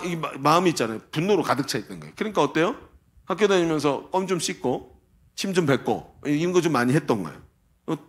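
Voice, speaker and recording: A male pastor preaching a sermon at a church service, telling a story in an animated, emphatic way. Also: on the high side.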